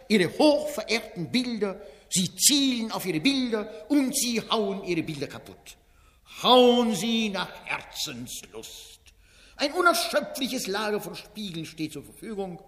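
Casting: stage-comedy town crier and barker, high swooping voice, boastful and coaxing. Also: male voice, a bit bright, exaggerated voice. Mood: coaxing, rousing. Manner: town-crier hawking with insistent repeated calls. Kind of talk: dramatic reading of a stage comedy. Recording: long reverberant hall.

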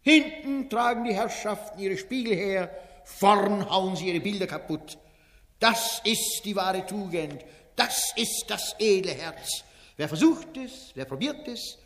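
Casting: stage-comedy town crier and barker, high swooping voice, boastful and coaxing. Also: male voice, lively intonation, a little slow, fairly bright tone, heavily acted. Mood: coaxing, rousing. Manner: town-crier hawking with insistent repeated calls. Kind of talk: dramatic reading of a stage comedy. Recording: long reverberant hall.

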